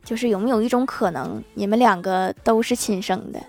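A woman hosting a show, telling scripted jokes briskly and laughing at the punchlines. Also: medium pitch. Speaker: host. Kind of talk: scripted joke narration.

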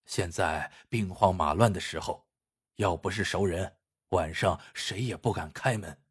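A male storyteller voicing a poor old village uncle who speaks low, calm and earnest. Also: unhurried, husky, full character voice.

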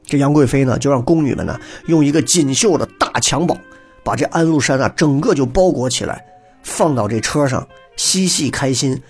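Chatty man telling history, husky voice. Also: medium pitch, moderate pace, faint music behind. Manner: chatty, asides to the audience, acts out quotes. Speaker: storyteller. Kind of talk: lively storytelling lecture on history.

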